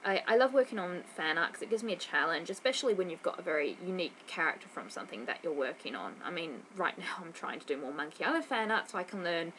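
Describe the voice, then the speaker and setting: A young New Zealand woman rambles to her desk webcam in her bedroom, answering viewer questions with lots of ums and restarts. Her lowish, fairly bright voice is very animated and fast, with hardly any pauses. The audio is poor, with a little hiss or hum.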